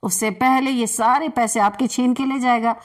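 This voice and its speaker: A woman giving a general tarot reading to her viewers, calling out cards slowly and then explaining them in a chatty way with frequent laughs. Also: fairly high pitch, steady tone. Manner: slow, drawn-out card calls, then brisk chatty explanation with frequent laughs. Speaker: tarot reader.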